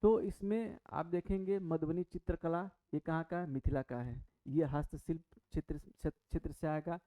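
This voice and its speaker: On tinny, phone-like audio, a man gives a chatty exam-prep lesson, posing questions and answering them himself amid many fillers and restarts. His voice is fairly high, mellow and steady, at a moderate pace.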